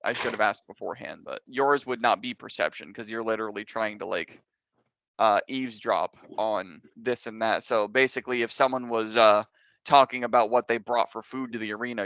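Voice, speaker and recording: A man working as game master, improvising narration casually and explaining things in a halting, conversational way. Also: lowish voice, gravelly, a bit bright, no room sound, lo-fi sound.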